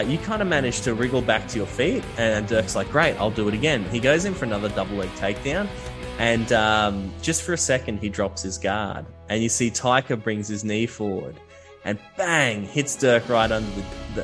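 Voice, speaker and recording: A man's voice: on the low side, expressive, normal speed, music in the background. A man running a tabletop game as game master, telling the action in a loose, casual way with many fillers.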